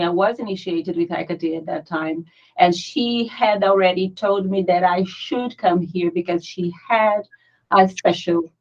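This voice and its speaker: A woman from Brazil, with a Brazilian Portuguese accent, speaking as a guest in a casual interview, earnest and chatty, sometimes searching for words. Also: on the low side. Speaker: guest, founder of a pagan community. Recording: dull lo-fi audio.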